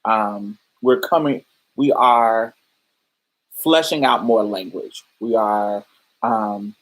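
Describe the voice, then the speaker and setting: The audio is poor, and the woman speaks slowly in a rumbling low voice. Hosting a casual livestream podcast, she talks listeners through ideas in a loose, thoughtful style marked by many fillers and restarts.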